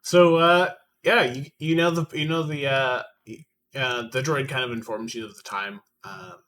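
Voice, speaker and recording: A man's voice: mid-range voice, steady tone, moderate pace, bright, forceful tone, recorded from a distance. A man acting as game master, narrating a tabletop game casually with many fillers and restarts.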